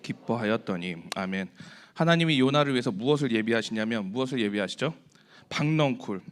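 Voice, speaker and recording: A man's voice: mid-range voice, expressive, fairly quick, clean tone. A man giving a conversational Bible sermon, asking his listeners questions and acting out quoted prayers. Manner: asks the listeners rhetorical questions; acts out quoted prayers and complaints. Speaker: preacher.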